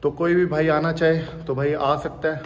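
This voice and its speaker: A man's voice: fairly high pitch, little pitch movement, moderate pace. A young man gives a casual walkthrough of his gym, chatting to viewers as brother and filming on a phone at arm's length. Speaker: gym owner and fitness vlogger. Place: large indoor gym. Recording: reverberant gym hall with faint ambient noise.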